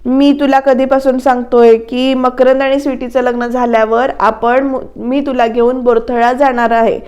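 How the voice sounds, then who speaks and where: A woman's voice: high voice, little pitch movement, moderate pace, a little mellow, lightly acted. A woman voicing an aging father who scolds and repeatedly presses his wife about money. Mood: insistent. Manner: insistent, scolding, repeats demands.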